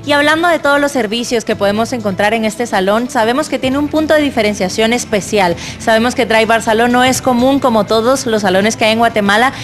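A young woman reporter with a fairly high voice leads a morning TV segment. She talks in a bright, upbeat way into a handheld mic inside a salon, with faint music underneath. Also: a little fast, few pauses. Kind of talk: television segment presenting.

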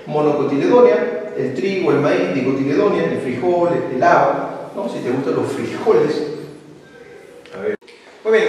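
A man's voice: high-pitched, a little hiss or hum. Echoey Peruvian man teaching biology. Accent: Peruvian Spanish. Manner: lively, asks questions and answers them himself, mixes in English words. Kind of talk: online pre-university biology lesson. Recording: very echoey hall, voice from a distance.

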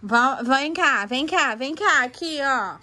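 A woman's voice: sits high, expressive, takes it slowly, pushed and bright. A woman with a Brazilian accent hosting a casual home vlog from a toy corner indoors, playfully coaxing a toddler and talking to her viewers. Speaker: family vlogger host.

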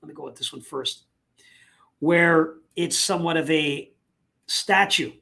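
A man hosting a live online talk show, speaking casually with many fillers and pauses. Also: fairly high pitch, creaky, bright, forceful tone. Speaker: host.

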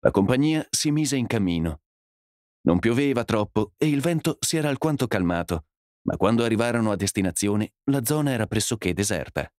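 A man narrating a classic story as an audiobook, in an expressive, measured reading. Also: lowish voice, no room sound, studio quality.

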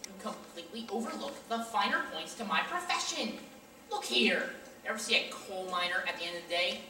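A woman acting a brash male con man who stages fake drownings, pitching with pushy salesman patter on a school stage. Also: expressive, brisk, sharp tone, a little hiss or hum. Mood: huffy. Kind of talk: high school stage play. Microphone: far camera. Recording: echoey hall from far off.

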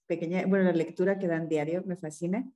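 A woman's voice: on the low side, steady tone, quick pace, dark tone, highs cut off. Chatty, self-deprecating woman. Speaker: club member, master of ceremonies. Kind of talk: casual chat on a call.

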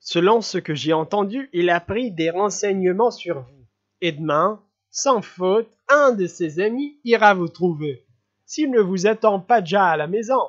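A reader playing an eager, self-important officer who fawns and presses his offer earnestly, in a slow, measured delivery. The audiobook recording is dull and lo-fi. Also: mid-range voice, lively intonation. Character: eager, fawning male officer volunteering as second.

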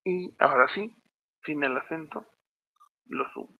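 Man, Mexican Spanish accent, step-by-step software lesson, gravelly voice, thin phone-like sound. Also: fairly high pitch, lively intonation, measured pace, no echo. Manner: step-by-step, checks in with frequent "¿sí?". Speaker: teacher. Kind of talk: screencast programming tutorial. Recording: tinny phone-like audio, dry.

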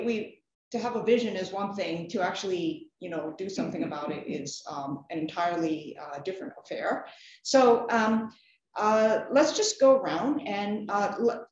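A woman's voice: mid-range voice, a little mellow. A woman moderating a panel discussion, summarising answers and inviting each panelist to speak. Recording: echoey, muffled room with faint noise.

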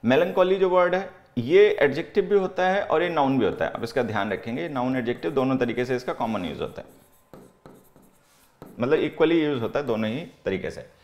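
Indian English teacher in an echoey room. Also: male voice, medium pitch, expressive, darkish tone, lo-fi sound. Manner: explains slowly, reads example sentences aloud word by word, repeats words; keeps saying "theek hai" while writing on the board. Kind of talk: vocabulary lesson in Hindi and English.

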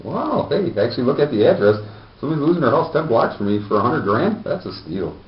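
A man in his thirties reads aloud and tosses in sardonic wisecracks. His pitch moves around a lot, and he is recorded in a roomy space a little way from the mic. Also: very animated, fast talker. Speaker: host of a homemade comedic news show. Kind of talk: casual comic commentary while reading a newspaper. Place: small plain room indoors. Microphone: distant camera microphone. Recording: echoey, muffled, distant camera microphone.

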